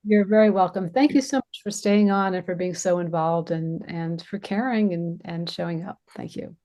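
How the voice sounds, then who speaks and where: A woman's voice: fairly low pitch, moderate pace, dark tone. A woman hosting a webinar over a video call, talking casually with many fillers. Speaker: webinar host.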